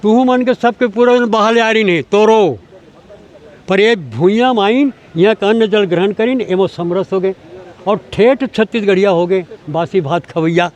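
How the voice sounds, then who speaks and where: An older man with a Chhattisgarhi accent, speaking in a high, raised voice. He lectures with force and keeps throwing rhetorical questions at his listener. The talk is taken outdoors, with passing vehicles behind him. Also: moderate pace, darkish tone. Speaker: language activist. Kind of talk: impassioned interview answers.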